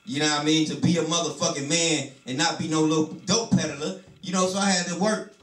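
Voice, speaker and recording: Heard from afar with roomy club acoustics and crowd noise, this thirty-something stand-up comedian from Detroit, USA, delivers a loose, profane story, repeating "you know what I'm saying." His voice sits on the high side, fairly bright and steady in tone, moving briskly in a small comedy club.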